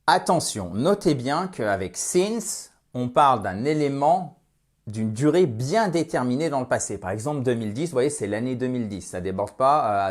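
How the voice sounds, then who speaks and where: A man teaching a language lesson in a lively, explanatory way, slowing down to stress his example sentences and checking in often with the viewer. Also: medium pitch. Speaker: English teacher.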